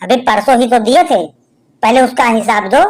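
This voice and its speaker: A woman's voice: fairly high pitch, normal speed, darkish tone, natural voice. A woman voicing a scolding middle-aged mother in a read-aloud joke, with a stern, questioning manner.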